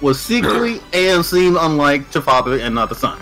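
A man's voice: fairly high pitch, very animated, moderate pace, a bit bright, faint music behind, poor audio. A man voicing a scheming young man who taunts a princess in a casual fan voice-over of a game scene, stumbling over words and laughing through lines. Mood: mocking.

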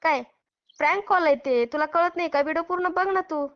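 A Maharashtrian woman from India speaks briskly in a very high-pitched voice, arguing heatedly on a phone call. She scolds and taunts confrontationally as a prank caller who posts her call recordings, and the audio is a dull, lo-fi phone recording.

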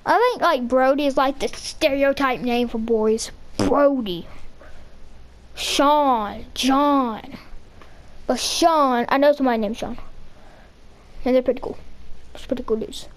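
Southern gal playing a game and rambling, high voice, drawn-out slow talk, goofy and repetitive. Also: female voice, slight background noise. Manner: rambling, silly, repeats words over and over. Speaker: gaming channel host. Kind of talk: casual gameplay commentary.

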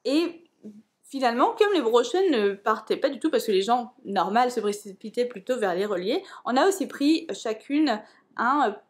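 A woman's voice: a little high, lively intonation, normal speed. A young woman chatting casually in a book vlog, full of fillers and restarts. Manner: hesitant, many fillers and restarts. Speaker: book vlogger.

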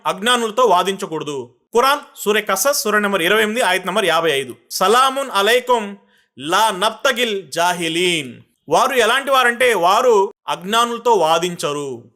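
Bright, high-voiced male preacher. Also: expressive. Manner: slow, measured recitation of Arabic verses; lists numbered points, then recaps them quickly. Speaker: Islamic preacher. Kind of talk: religious talk.

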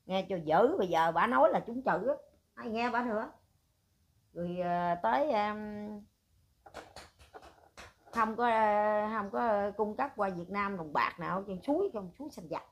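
An older woman, ranting at length in a rough, scolding way and firing rhetorical questions. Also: medium pitch, animated, measured pace, long pauses, highs cut off. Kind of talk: heated casual rant.

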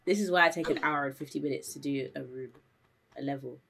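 A woman's voice: very deep voice, fast, vocal fry, fairly bright tone, a little hiss or hum. A woman streaming a game, chatting casually with viewers, jumpy and easily startled, sounding a little under the weather. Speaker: gaming streamer. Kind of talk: casual live gameplay commentary.

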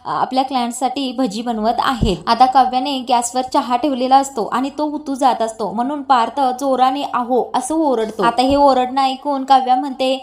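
A woman's voice: sits high, steady tone, normal speed, few pauses, a little mellow. A woman narrating a recap of a TV serial episode, reading the characters' lines with light acting. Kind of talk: retelling a TV episode with dialogue.

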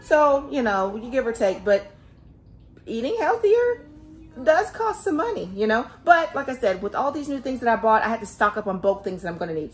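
A chatty woman in her thirties talks to her viewers in a casual home vlog. She speaks into a phone held close in her kitchen, animated and direct. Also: medium pitch. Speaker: family vlogger. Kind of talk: casual grocery haul vlog. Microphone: phone camera held close.

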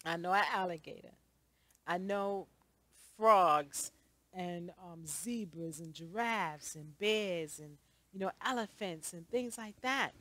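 A woman's voice: lowish voice, takes it slowly, pushed and bright. A woman vlogger talking in an emphatic, repetitive rant, often tagging her points with "okay?". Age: adult. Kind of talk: casual ranting commentary.

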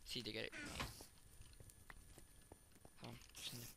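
A man giving excitable gameplay commentary, swearing and joking at the enemies. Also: medium pitch, takes it slowly, gravelly, noisy background. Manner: excitable, swearing, mock-sportscaster asides. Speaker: gaming YouTuber.

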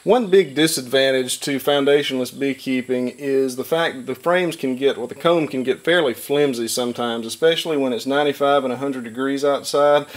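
A man in his thirties giving a relaxed, hands-on beekeeping lesson in a wood-paneled workshop, talking plainly with frequent fillers. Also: mid-range voice, moderate pace, few pauses. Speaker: beekeeper and channel host. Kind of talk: hands-on instructional talk.

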